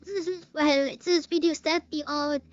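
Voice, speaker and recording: A high-pitched woman with a German accent gives slow, unhurried reaction commentary on a stream. Her English is halting, with pauses to hunt for words and some offhand swearing. The sound is dry and dull, like a lo-fi stream mic with little room. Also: fairly even intonation, no room sound.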